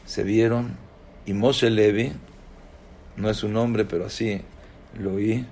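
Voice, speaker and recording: Slow, dramatic male religious teacher. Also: fairly low pitch, level tone, darkish tone, slight background noise. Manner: dramatic, emphatic. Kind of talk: storytelling religious class.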